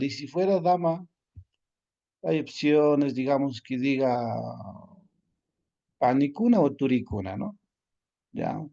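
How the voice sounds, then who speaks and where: A man's voice: mid-range voice, gravelly, mellow, highs cut off. A man teaching a language class, repeating each word patiently and checking in often with his students. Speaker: Quechua teacher. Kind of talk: online class lesson.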